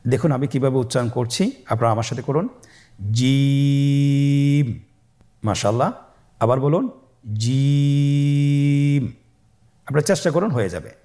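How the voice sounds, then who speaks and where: A man teaching beginners the Arabic letters in a recorded lesson, calmly saying each letter sound and pausing for students to repeat it. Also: mid-range voice. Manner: slow, patient call-and-repeat drilling; stretches letter sounds long. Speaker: Quran teacher.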